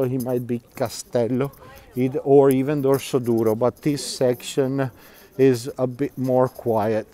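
A middle-aged man leads a live walking tour along quiet canal-side streets outdoors, reading viewer comments aloud. His mid-range voice is mellow with no room sound, and he chats freely, laughing often, with many fillers and restarts.

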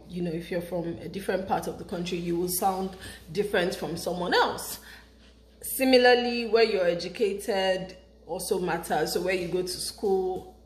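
Her voice sits on the low side: a young Nigerian vlogger whose Nigerian English shows a British touch. Standing in her home kitchen, she chats animatedly to a camera placed close on the counter, gesturing with her hands, in a casual talk recorded in an echoey room with faint ambience.

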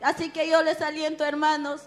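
A woman's voice: sits high, completely flat delivery, a little fast. A woman earnestly urging a congregation to follow the Lord. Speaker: church member. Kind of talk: exhortation to the congregation.

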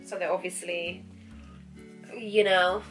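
A young woman presenting her own try-on haul vlog, chatting straight to her viewers in an excitable, friendly way. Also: fairly low pitch, slow, over loud music. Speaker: fashion vlogger.

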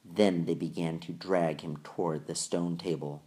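A man reading a children's novel aloud in measured, deliberate storytelling narration. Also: sits low, fairly even intonation, warm tone. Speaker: audiobook reader. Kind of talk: scripted narration.

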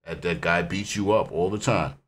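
A man hosting a music reaction channel who talks casually, rambling and animated, often dropping the word "man". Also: sits low, moderate pace, a little hiss or hum.

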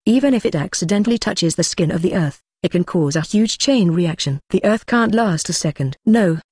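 A text-to-speech voice reading the lines of a frightened male military leader, halting between phrases. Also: mid-range voice, lively intonation, darkish tone, husky, dry recording, studio quality. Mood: shaken. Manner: hesitant, halting.

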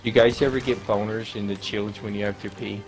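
A man's voice: on the low side, fairly even intonation, a little fast, over music, rough recording. A man in casual gaming chat, cracking crude, teasing jokes at his friends. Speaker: gamer.

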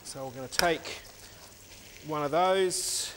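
Slow and a little high, this middle-aged chef's voice competes with heavy background noise. He is demonstrating a recipe in a teaching kitchen on a lapel mic, explaining each step while cooking.

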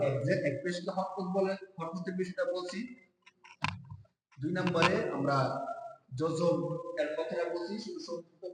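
A man teaching Quran reading in a step-by-step lesson, sounding syllables out slowly and quizzing his viewers. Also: high-pitched, a little hiss or hum. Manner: repeats syllables slowly and asks the viewers quiz questions. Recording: very echoey room with long reverb.

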